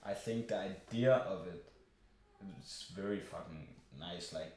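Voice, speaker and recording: A man's voice: low voice, a little slow, a little mellow. A young man in casual conversation, talking in a rambling, profane way with many fillers. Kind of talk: casual chat. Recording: very echoey room with faint noise.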